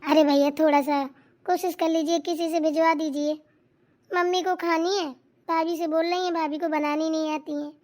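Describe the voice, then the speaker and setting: Lady doing a super high cartoon nanad, bossy and chatty. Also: steady tone, darkish tone. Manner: quick, bossy, advising. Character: young sister-in-law, bossy, meddling, chatty. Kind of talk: cartoon voice acting.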